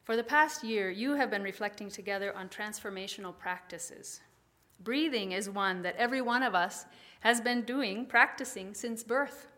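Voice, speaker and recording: A woman preaching a calm, measured sermon and guiding listeners through slow breathing exercises. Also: medium pitch. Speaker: pastor.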